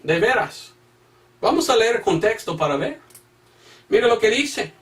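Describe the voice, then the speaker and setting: A male evangelist with a high voice delivers a Bible-teaching sermon, reading out verses and repeating phrases for emphasis. He poses pointed rhetorical questions to his listeners. He sounds set back from the microphone, at a distance. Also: sing-song, unhurried, fairly bright tone. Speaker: evangelist missionary preacher.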